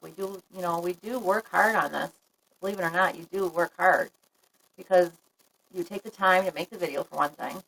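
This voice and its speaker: A woman's voice: lowish voice, gravelly, fairly bright tone, breathy edge, poor audio. A woman live-streaming a casual chat to her viewers, talking frankly and laughing often. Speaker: livestream vlogger.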